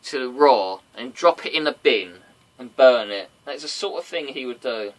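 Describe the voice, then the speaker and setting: Here a male podcast host speaks at a moderate pace in an animated, mid-range voice. He reviews wrestling in a loose, chatty, rambling way, and the noisy home recording also picks up his silly sung impressions.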